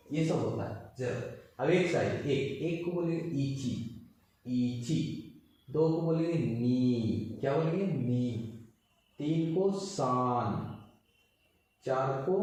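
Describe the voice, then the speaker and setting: A man teaching a class as a language teacher. He asks questions and answers them himself, and he repeats each word slowly. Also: a little high, darkish tone. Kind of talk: classroom lesson. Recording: echoey, mic far off.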